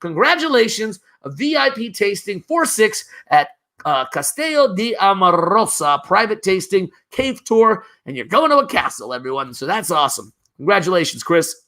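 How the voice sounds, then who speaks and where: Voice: medium pitch, very animated, moderate pace, fairly bright tone. A charity auctioneer calling a live virtual auction, upbeat and urging bidders on by name. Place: virtual gala broadcast.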